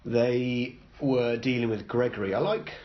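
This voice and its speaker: A man's voice: mid-range voice, unhurried. A man co-hosting a casual chat, dry and wry, who keeps steering the talk back on track. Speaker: podcast co-host. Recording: muffled with faint noise.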